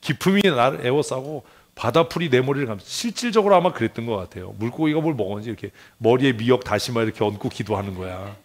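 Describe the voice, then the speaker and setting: A middle-aged male pastor giving a Sunday sermon in a lively way, acting out quoted voices and asking the congregation questions. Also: mid-range voice, fast, hardly any pauses. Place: church sanctuary.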